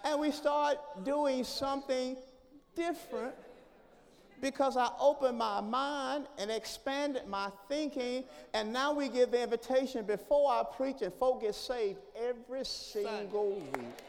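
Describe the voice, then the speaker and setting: A man preaching in a with a gravelly, fry-laden tone. His voice sits unusually high, and he swings from quiet, drawn-out lines to hollering calls for a response. The sound carries a long reverb from a big hall. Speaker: pastor. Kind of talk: sermon. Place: church sanctuary.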